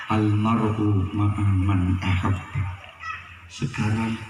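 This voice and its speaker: A man preaching a sermon at a mosque gathering, telling stories in an animated way and joking with the crowd. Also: lowish voice, heavy background noise. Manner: animated storytelling, jokes with the crowd. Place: mosque hall at a religious gathering. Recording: echoey hall, far from the mic.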